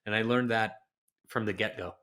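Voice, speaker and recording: Low-voiced man telling lively stories. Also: normal speed. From Los Angeles. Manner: lively storyteller who acts out quotes. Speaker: interview guest. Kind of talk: podcast interview.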